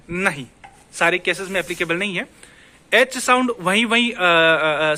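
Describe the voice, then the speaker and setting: Bright, high-voiced Indian teacher. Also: male voice. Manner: chatty, repeats words and checks in with the viewer. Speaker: Spanish teacher. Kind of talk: casual language lesson.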